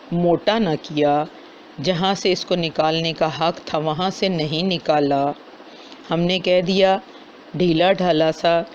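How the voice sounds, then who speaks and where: A man giving a lesson on correct recitation, stopping to sound out words slowly as examples. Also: a little high. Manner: slows down to demonstrate correct pronunciation. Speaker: Quran recitation teacher. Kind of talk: explanatory lesson with demonstrated recitation. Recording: dull lo-fi recording with faint noise.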